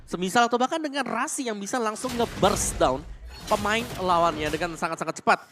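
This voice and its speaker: A man's voice: high voice, a little fast, music in the background. A man giving analytical commentary as an esports caster.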